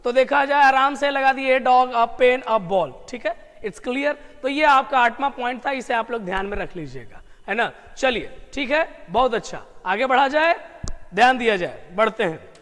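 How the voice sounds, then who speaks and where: A man teaching English grammar online. He drills his students with repeated questions, slows down to stress key terms and breaks into emphatic bursts. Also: very high voice, in a large hall. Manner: lively with sudden emphatic outbursts.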